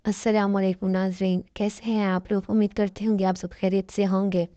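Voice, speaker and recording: A woman teaching Quran recitation with an Urdu accent, patiently explaining rules and sounding out each syllable slowly. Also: mid-range voice, little pitch movement, dark tone, no room sound, muffled recording. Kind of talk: slow spelled-out lesson with drawn-out syllables.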